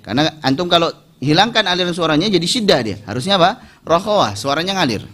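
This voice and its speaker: An Indonesian man teaching Quran recitation, modeling each word slowly and then correcting and explaining. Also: on the high side, animated, fairly bright tone. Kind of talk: step-by-step recitation lesson.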